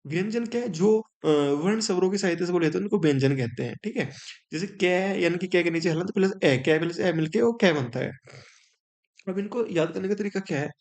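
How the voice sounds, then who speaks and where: A man's voice: high-pitched, lively intonation, brisk, a little mellow. A man teaching a grammar lesson for exam students, explaining step by step and checking in with his listeners.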